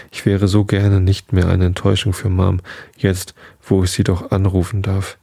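A man calmly reading a novel aloud in the first person, in an intimate storytelling manner. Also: low-pitched, creaky, breathy edge, no room sound. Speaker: audiobook reader.

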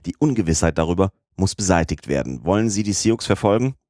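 A man voicing a stiff, calm middle-aged English gentleman in an audiobook, speaking in a cool, terse, formal way. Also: low-pitched, quick pace, dry recording, studio quality. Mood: cold resolve. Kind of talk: audiobook character voice.

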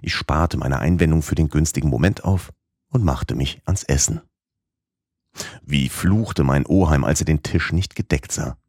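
A man reading a classic novel aloud as the audiobook narrator, in a measured, steady, unhurried way, with a very deep, gravelly voice. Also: no echo, studio quality. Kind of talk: scripted narration.

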